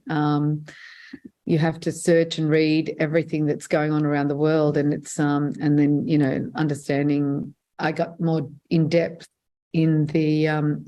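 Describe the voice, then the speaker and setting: A woman's voice: low-pitched, level tone, normal speed, warm tone. A woman in her fifties with an Australian accent, telling her own story conversationally as an interview guest. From Sydney, Australia. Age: 50s.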